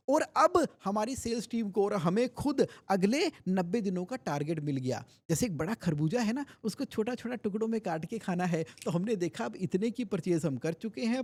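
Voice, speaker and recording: This Indian man, a finance expert appearing as a podcast guest, has a high, slightly mellow voice. He explains things animatedly, leaning on homely examples and repeating himself.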